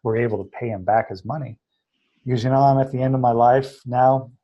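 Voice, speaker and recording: A man's voice: medium pitch, fairly even intonation, a little fast, highs cut off. A man guesting on an interview show, earnestly telling his story and acting out the voices of people he quotes. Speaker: interview guest, treatment center founder.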